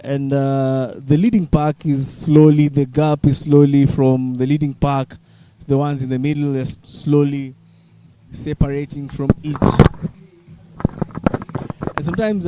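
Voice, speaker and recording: A man with a Kenyan accent hosting live sports commentary in a halting way, with many fillers. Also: medium pitch, steady tone, dark tone, low-quality recording. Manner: halting, filler-heavy delivery. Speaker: sports event commentator and host.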